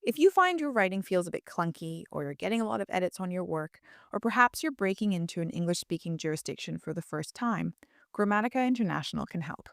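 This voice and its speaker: A woman's voice: lowish voice, animated, quick pace, vocal fry, a bit bright, dry recording, studio quality. A woman who is a lawyer and writing coach, reading a polished, persuasive advertisement. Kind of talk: read advertisement.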